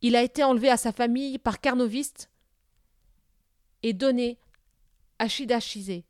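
Lady doing a calm steady chief guy, low muffled voice, dry close sound. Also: normal speed, no echo, close to an everyday voice.

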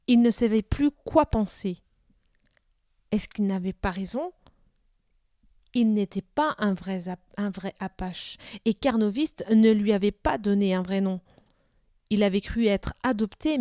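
A woman narrating a children's novel aloud in a steady, even storytelling manner. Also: mid-range voice, unhurried, pauses often, no room sound, clean studio sound.

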